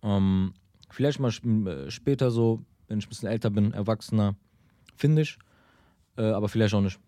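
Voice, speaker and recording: A young man co-hosting a casual podcast chat, talking haltingly and repeating himself as he works out his point. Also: on the low side, mellow, no echo, clean studio sound. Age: young adult. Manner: halting, restarts, repeats words.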